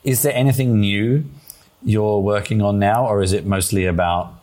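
A man interviewing a guest, asking halting questions with restarts and frequent laughs. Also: fairly low pitch, fairly even intonation, darkish tone. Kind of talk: conversational interview.

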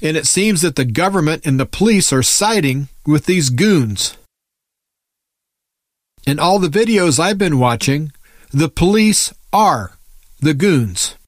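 Higher-voiced man on an indignant conspiratorial rant. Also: dry recording, clean studio sound. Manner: emphatic, preachy, rhetorical questions. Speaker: commentator. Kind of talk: impassioned political rant, monologue.

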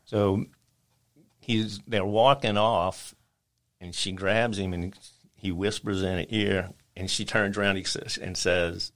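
A man, a guest on a podcast, telling lively stories and acting out the lines of customers. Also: lowish voice, slow. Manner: animated storyteller, acts out customers' lines. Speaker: guest, spice rub maker. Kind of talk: casual storytelling chat.

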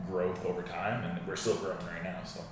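A man's voice: low-pitched, steady tone, brisk. A man, talking conversationally as an interview guest. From Newfoundland, Canada. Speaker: guest, physiotherapist. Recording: echoey, distant mic, noisy room.

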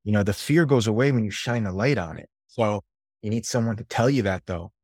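A man, a podcast guest and sales coach, telling stories from his career in a lively, casual way and swearing now and then. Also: on the low side, fairly quick, husky, dry recording, studio quality. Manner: animated storyteller, swears casually. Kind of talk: casual interview storytelling.

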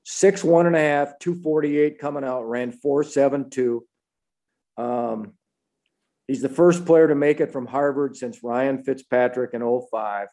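Male sports analyst host, mid-pitched, matter-of-fact, clipped delivery of figures and ratings. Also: a little slow, warm tone. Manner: clipped, matter-of-fact, short list-like phrases. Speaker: football analyst and show host.

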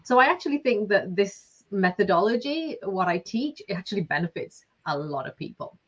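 Her mid-range voice is animated and a little rough, moving at normal speed as she chats casually in an interview. She's a Lancashire business coach in her forties who leans on lots of fillers, and the lo-fi sound is slightly dull.

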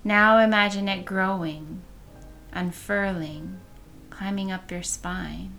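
A woman leading a guided meditation in a soft, soothing manner, with breath showing at the ends of phrases. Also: medium pitch, steady tone, slow, vocal fry, faint music behind.

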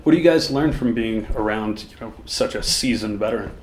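A man's voice: lowish voice, brisk. Guy host doing a backstage interview, laid-back, rambly questions, echoey room, a little background hum. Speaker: podcast host. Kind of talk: casual interview. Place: backstage at a theater. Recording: roomy backstage echo, faint ambience.

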